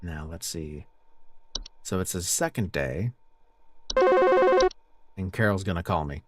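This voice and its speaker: A man's voice: sits low, slow pace, over loud music. A man casually commenting on a video game as he plays, offhand and thinking aloud.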